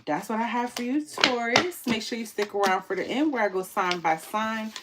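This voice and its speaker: A woman's voice: a little high, moderate pace, heavy background noise. A woman reading tarot on a livestream, chatting casually in slangy speech and reading viewer comments aloud. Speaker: tarot reader hosting a livestream.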